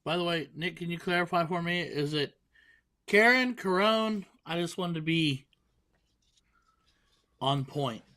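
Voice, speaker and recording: A man's voice: fairly high pitch, flat delivery, unhurried, long pauses, fairly bright tone. A man giving casual live darts commentary.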